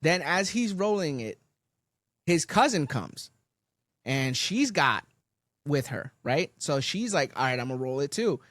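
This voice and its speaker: Young New man, podcast co-host, swears and acts out quotes, lively pitch, dry sound. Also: unhurried, dry recording. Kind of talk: casual storytelling chat.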